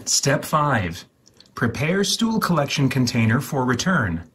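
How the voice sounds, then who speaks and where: Step by step, a man hosts a deliberate, theatrical reading of instructions, enunciating in an exaggerated way. His husky, breathy mid-range voice carries a sing-song quality and a fairly bright tone.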